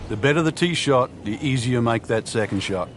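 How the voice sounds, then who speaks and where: A man giving golf commentary as an analyst, explaining play in a measured way. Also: medium pitch, expressive. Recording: faint background noise.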